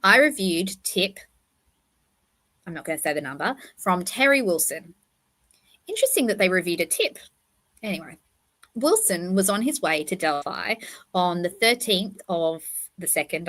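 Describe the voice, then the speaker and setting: Woman streamer w a bit of a lisp, whistling s, lowish voice, chatty rambly commentary, corrects herself. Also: a bit bright. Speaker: livestream host. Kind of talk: casual true-crime livestream commentary.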